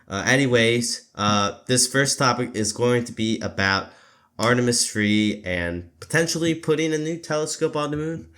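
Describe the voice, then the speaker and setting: A man with a stuffy voice from allergies hosting a casual solo podcast, rambling with lots of fillers, self-corrections and throat-clearing. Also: mid-range voice, animated, moderate pace, fairly bright tone. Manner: clears his throat often. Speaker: podcast host.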